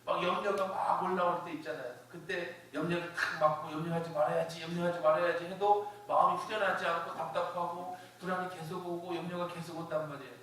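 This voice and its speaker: A man's voice: on the high side, fairly even intonation, a little fast, hardly any pauses, fairly bright tone. A man pastor giving a conversational, emphatic sermon with personal stories, recorded in a church. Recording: very echoey church hall from a distance with faint hiss.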